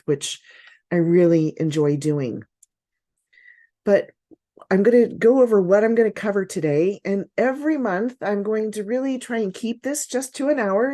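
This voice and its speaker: A woman's voice: mid-range voice, dark tone. A woman in her fifties, a business coach hosting an online workshop on a video call, upbeat and encouraging. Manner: upbeat, encouraging, frequent praise.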